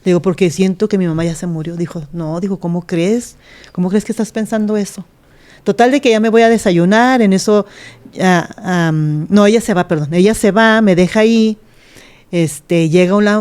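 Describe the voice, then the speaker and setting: A middle-aged woman pastor with a medium-pitched, darkish voice speaks at normal speed and a steady tone. As an interview guest she earnestly relates her life story, acting out others' voices as she recalls scenes.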